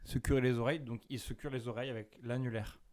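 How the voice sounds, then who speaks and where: A young man co-hosting a podcast, answering in a deadpan tone with quick comebacks. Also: medium pitch. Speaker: podcast co-host. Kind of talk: casual chat.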